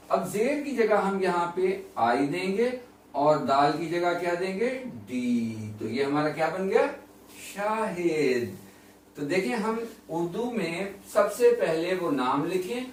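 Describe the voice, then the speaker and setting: A man's voice: fairly high pitch, far from the mic, slight background noise. Patient male teacher in an echoey room. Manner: patient, repeats and asks the class questions. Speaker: English teacher. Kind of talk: classroom lesson explanation.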